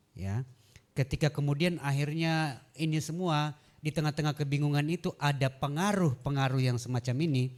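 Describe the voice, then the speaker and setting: A man on a seminar panel giving a calm, structured explanation. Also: mid-range voice.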